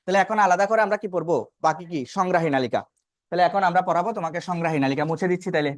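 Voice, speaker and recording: A man with a high-sitting voice teaches a biology class at a very fast clip, posing questions and answering them himself while repeating key terms to drive them home. The lecture is recorded with studio quality and no echo.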